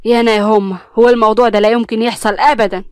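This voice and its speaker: A woman's voice: on the high side, fairly even intonation, very fast, a little mellow, clean tone, no room sound, clean studio sound, natural voice. A woman with an Egyptian accent voicing an angry, scheming middle-aged mother in an audio story. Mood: furious. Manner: angry, scolding.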